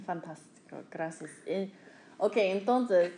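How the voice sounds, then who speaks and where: Female podcast host, unhurried and mellow, faint room noise behind. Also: on the low side. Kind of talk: casual podcast conversation.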